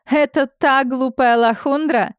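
A woman's voice: fairly high pitch, unhurried, a little mellow, no echo, clean studio sound, lightly acted. A woman voicing a capricious, mocking young mistress in an audiobook.

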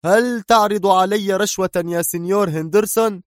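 A stern, indignant security chief, as a male narrator puts him on in an audiobook scene, his voice pushed up high and strained. The sound is dry and close, with no room in it. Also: lively intonation, brisk, darkish tone, no room sound, lightly acted.

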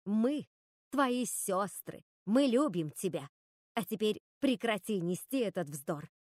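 A woman's voice: medium pitch, expressive, slow, a little mellow, no room sound, studio quality. Woman doing a stern, scornful elder witch. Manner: commanding, cold.

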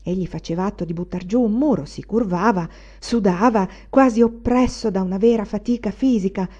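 A woman narrating a literary audiobook in a measured, expressive way. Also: mid-range voice, husky, highs cut off. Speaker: audiobook reader.

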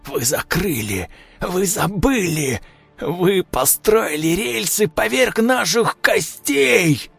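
A man's voice: medium pitch, sing-song, creaky, pushed and bright, husky, soft background music, full character voice. A man putting on a sneering vengeful ghost. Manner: slow, menacing, sneering. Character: vengeful ghostly voice of the buried dead. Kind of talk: audiobook character voice.

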